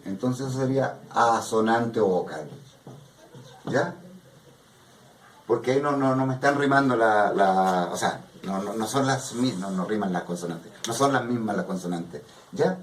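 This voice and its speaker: A poetry workshop teacher lectures his class at a moderate pace in a voice on the low side, with a little hiss or hum. Patient in his explanations, he checks in with "¿ya?" again and again, and the distant mic makes the room sound echoey.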